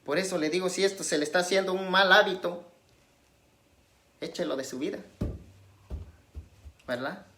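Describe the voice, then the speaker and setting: A woman's voice: moderate pace, pauses often, fairly bright tone. Woman preaching with rising emphatic questions. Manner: conversational, tags nearly every phrase with a questioning aside; swings between raised emphatic questions and low asides. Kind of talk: sermon.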